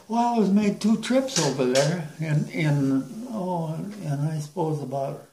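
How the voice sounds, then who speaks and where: An elderly man, a grandfather, casually reminiscing in a rambling, halting way, often repeating himself as he recalls things. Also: on the high side, expressive, noisy background. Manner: old man's rambling, halting, repetitive recollection. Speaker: grandfather recalling merchant marine days. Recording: echoey room, home recording.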